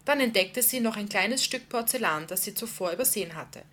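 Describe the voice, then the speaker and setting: A woman's voice: mid-range voice, animated, fairly quick, fairly bright tone. Woman reading a novel aloud. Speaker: reader.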